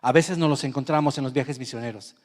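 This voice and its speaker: A man with a Mexican Spanish accent preaching a sermon as pastor, telling a story with emotion and moving from quiet to loud. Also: medium pitch, fairly quick, big-room sound.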